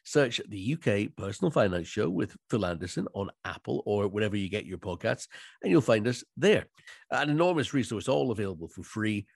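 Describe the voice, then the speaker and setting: A man with a Scottish Highland accent presenting a podcast in a chatty, jokey, wordy way. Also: animated, a little fast, creaky, breathy edge, dry recording, clean studio sound. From Inverness, Scottish Highlands. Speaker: podcast host.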